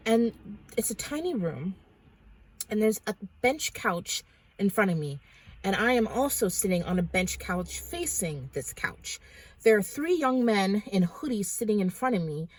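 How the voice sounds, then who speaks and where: Breathy woman recounting a dream. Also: fairly high pitch. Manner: rambling, hesitant, many restarts and fillers. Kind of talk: casual storytelling of a dream.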